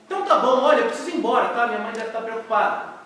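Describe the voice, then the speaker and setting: A man's voice: very high-pitched, animated, rapid-fire, fairly bright tone. A man voicing a nervous, eager little boy who asks earnest, pleading questions. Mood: excited. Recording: echoey church hall, mic far off.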